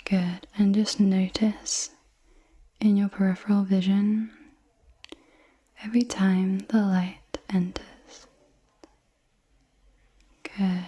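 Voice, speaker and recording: A woman in her twenties doing a whispered ASMR role-play as a clinic practitioner, in a soft, breathy, reassuring whisper. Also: mid-range voice, little pitch movement, slow pace, pauses often, highs cut off. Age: 20s. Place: indoors, small room with dark backdrop.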